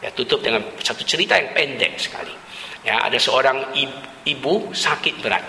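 A man's voice: mid-range voice, expressive, normal speed, bright, forceful tone, slight background noise. A male pastor preaching a sermon, slipping English words into his talk and repeating key terms. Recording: echoey hall with long reverb.

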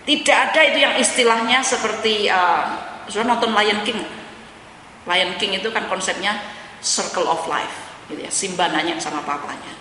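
A woman preaching in a bright, sharp voice, turning often to the congregation as she talks. The sound rings out with a long echo through a large hall, and a faint room ambience sits behind her. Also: medium pitch, moderate pace, slight background noise. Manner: addresses listeners as saudara, mixes in English phrases. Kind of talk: sermon. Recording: echoey hall.

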